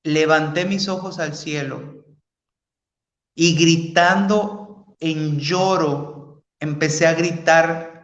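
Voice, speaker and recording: A man's voice: a little high, fairly even intonation, takes it slowly, a bit bright, lo-fi sound. A man giving an earnest religious testimony, speaking to listeners as brothers and sisters. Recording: roomy echo.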